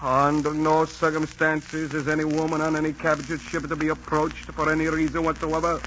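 A man's voice: fairly high pitch, completely flat delivery, moderate pace, a bit bright, slight background noise, natural voice. An actor playing a playful, romantic pirate crewman who pleads with his captain, in an old radio drama. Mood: eager. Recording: muffled old radio recording.

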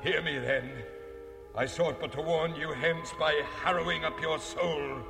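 An actor playing a centuries-old noble English ghost who declaims in a booming, archaic, melodramatic way. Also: male voice, fairly even intonation, measured pace, vocal fry, in a large hall, over loud music. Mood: furious.

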